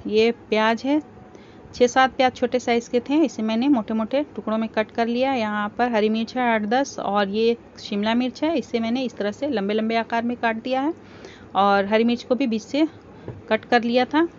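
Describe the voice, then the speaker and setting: A woman's voice: a little high, moderate pace. Woman walking through a home recipe. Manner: calm step-by-step explaining. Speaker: cooking channel host. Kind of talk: home cooking tutorial voice-over. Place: home kitchen. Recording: slightly dull home recording with faint background hiss.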